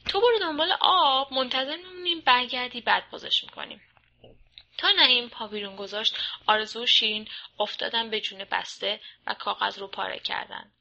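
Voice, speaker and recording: Bright, gravelly woman narrator. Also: mid-range voice, muffled recording. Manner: lively, expressive reading. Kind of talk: storytelling audiobook reading.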